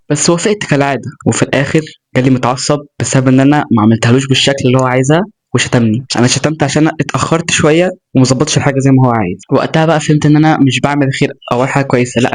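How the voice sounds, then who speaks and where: A young Egyptian man with a medium-pitched voice races through a casual motivational talk to the camera. He's a self-improvement vlogger speaking with an Egyptian Arabic accent, earnest and chatty, and he throws in joking asides.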